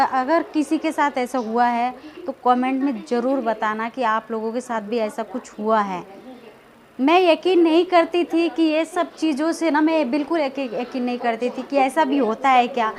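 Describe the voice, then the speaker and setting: A woman in her thirties vlogging, telling a personal story in a rambling, hesitant way with many filler words that turns agitated and loud. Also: sits high. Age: 30s. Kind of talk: casual storytelling vlog.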